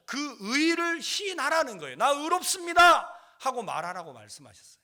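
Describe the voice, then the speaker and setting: A middle-aged man preaching a sermon as pastor, telling stories and acting out the voices of people in them. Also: high-pitched. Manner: animated storytelling, acts out dialogue with his mother.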